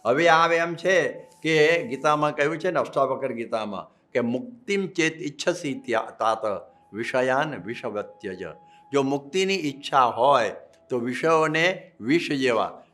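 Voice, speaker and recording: A man's voice: medium pitch, a little slow. A man with a Gujarati accent giving a storytelling religious discourse as a swami, acting out the characters' dialogue in the tales he tells. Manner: lively storyteller who acts out dialogue in character voices. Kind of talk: storytelling sermon.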